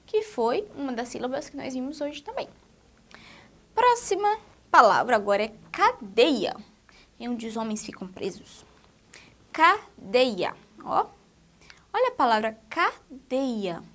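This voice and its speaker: A woman teaching young children a literacy lesson, drawing out words in a slow, sing-song way. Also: high-pitched, big pitch swings, a bit bright. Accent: Brazilian Portuguese.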